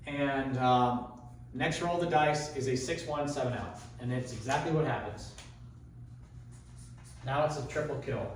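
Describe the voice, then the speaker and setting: A man giving a casual, unscripted demonstration as host, talking in a halting way as he thinks aloud. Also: on the high side. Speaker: craps tutorial host. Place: echoey indoor room. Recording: echoey room, distant mic, faint noise.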